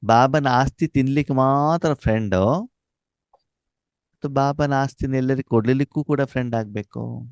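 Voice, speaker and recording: A man's voice: mid-range voice, a little slow, pauses often, smooth, no room sound, highs cut off. A man giving a spiritual class, asking questions for the audience to finish and mixing in Hindi phrases. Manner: asks questions for the audience to complete; mixes Hindi phrases into his talk. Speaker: spiritual teacher.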